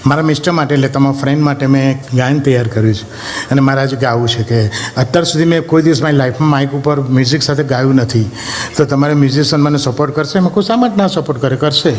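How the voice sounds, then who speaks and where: A man performing stand-up comedy on stage, telling stories and breaking into slow, drawn-out film songs in mock voices. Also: mid-range voice, darkish tone. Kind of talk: Gujarati stand-up storytelling. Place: live stage show.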